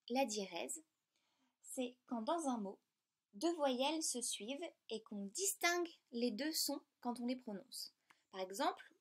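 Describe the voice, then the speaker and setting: A woman teaching a lesson in a clear, patient, step-by-step way. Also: on the high side. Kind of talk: explanatory lesson.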